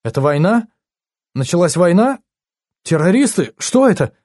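A man's voice: high-pitched, big pitch swings, normal speed, darkish tone, no echo, clean studio sound, voice pushed up. A man voicing a frightened young woman on the edge of tears, crying out in panic. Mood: panicked. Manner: pleading, panicky, rising to cries.

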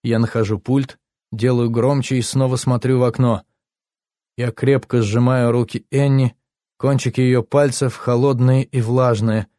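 A man narrating a first-person story, tense and hushed, his voice dropping low at grim moments. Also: steady tone, unhurried, no room sound, studio quality. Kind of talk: audiobook narration.

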